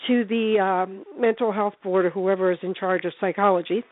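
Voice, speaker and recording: A woman's voice: medium pitch, fairly even intonation, normal speed, dry recording. A woman from New Jersey chatting and telling stories emphatically as a guest, repeating phrases for effect. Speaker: guest paranormal investigator. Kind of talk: casual storytelling chat. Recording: dry, tinny phone line.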